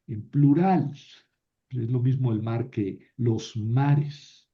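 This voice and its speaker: A man teaching biblical Greek in a recorded lecture, halting often to repeat and correct himself. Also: mid-range voice, highs cut off.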